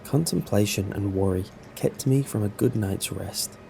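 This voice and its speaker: Low, gravelly male story narrator. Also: normal speed, over music, poor audio. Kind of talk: scripted first-person story narration.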